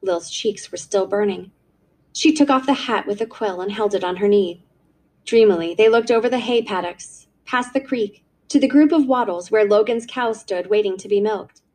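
Expressive woman reading a short story. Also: medium pitch, moderate pace. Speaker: narrator. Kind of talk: scripted story narration.

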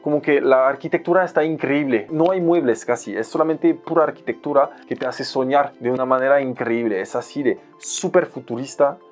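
Young French man speaking accented Spanish-style storytelling, mid-range voice, lively and slangy, faint music under him. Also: mid-range voice, brisk, few pauses. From France. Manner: animated, playfully acts out other people's lines in raised voices, uses Mexican slang. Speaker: photographer guest. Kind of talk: storytelling in a podcast conversation.

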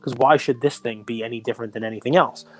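Animated man on a podcast. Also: mid-range voice, fast. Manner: animated, quotes others in excited put-on voices. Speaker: podcast co-host. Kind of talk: casual podcast chat.

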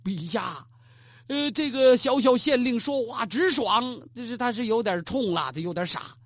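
A storyteller voicing a male general who kowtows and loudly begs the emperor to spare a loyal official, in a husky, lively voice. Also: medium pitch, moderate pace, no echo, clean studio sound. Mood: pleading. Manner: pleading, shouting. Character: earnest male general begging for mercy.

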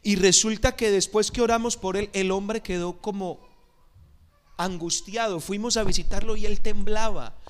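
A man pastor preaching a sermon, telling lively stories and acting out the voices in them. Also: high voice, normal speed, smooth. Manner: animated, acts out voices in anecdotes. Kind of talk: sermon with storytelling. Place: church.

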